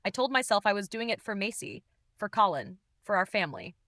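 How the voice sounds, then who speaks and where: A woman's voice: mid-range voice, sing-song, fairly quick, sharp tone, no echo. A woman narrating a dramatic first-person confessional story in a tense, intimate way.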